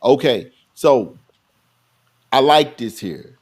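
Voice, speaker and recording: A man's voice: mid-range voice, animated, slow pace, darkish tone, slightly rough. A man co-hosting a casual talk show, reading a news item aloud and then commenting on it. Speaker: podcast co-host. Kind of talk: casual chat.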